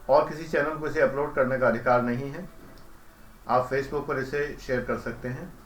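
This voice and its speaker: Calm Hindi-speaking man lecturing, echoey room. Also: mid-range voice, a little hiss or hum. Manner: calm explanatory, chants mantras slowly. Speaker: spiritual teacher. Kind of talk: devotional lecture.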